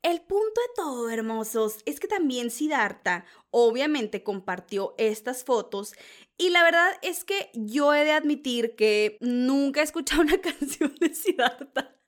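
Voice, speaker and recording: A young Mexican woman dishes celebrity gossip in a dramatic, gushing way. Her voice sits a little high, and she keeps calling her listeners sister in a loose, chatty flow. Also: expressive, a little slow. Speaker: gossip show host. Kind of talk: casual celebrity gossip chat.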